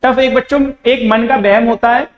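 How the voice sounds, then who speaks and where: Young Indian man, high voice, math teacher who asks questions and answers them himself, recorded in a reverberant room. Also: steady tone, normal speed, muffled recording. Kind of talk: board-exam math lesson. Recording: echoey room with long reverb.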